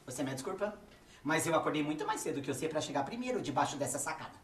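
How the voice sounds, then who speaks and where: Grumpy rustic flower fellow played by a man, Brazilian, exaggerated stage bickering, quick and animated, distant. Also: close to an everyday voice. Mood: grumpy, defiant. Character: grumpy, rustic male carnation flower, stubborn sunbather. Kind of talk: children's stage theatre. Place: indoor theatre stage. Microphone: far camera. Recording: echoey distant stage recording, loud rumbling noise.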